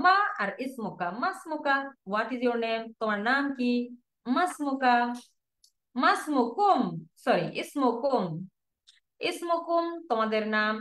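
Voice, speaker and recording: A woman's voice: a little high, a bit bright. Woman drilling Arabic in an echoey room. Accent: Bangladeshi Bengali. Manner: drills word forms, repeating slowly. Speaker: Quranic Arabic teacher. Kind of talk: online language lesson.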